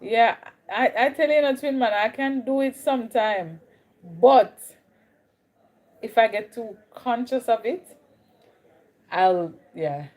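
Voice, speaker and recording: This livestream host, a young woman with a Jamaican accent, speaks slowly and pauses often in a fairly high, darkish voice. She chats casually with viewers, greets them, and drifts among Caribbean accents.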